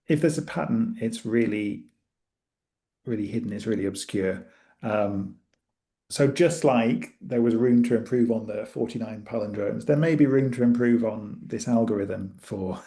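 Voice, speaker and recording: Guy with a gravelly low-key voice, warm and dark, excitedly explaining maths stuff in a chat. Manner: enthusiastic, explaining with asides. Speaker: guest, maker of maths web tools. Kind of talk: casual chat.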